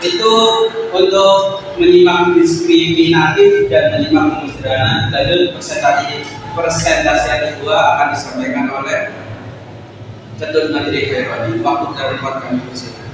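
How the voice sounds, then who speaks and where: A young adult male student with a fairly high voice gives a loose, rambling classroom presentation at normal speed, walking through spoken examples. He was captured by a distant camera in an echoey classroom, with background noise.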